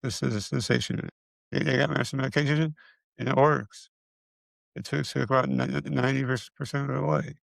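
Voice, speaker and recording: A middle-aged video creator gives a casual personal update on how his illness is progressing, his voice raspy and deeply gravelly, recorded close and dry with no echo or room sound. Short of breath and struggling to get words out, he talks a little fast but halts, stuttering and repeating syllables.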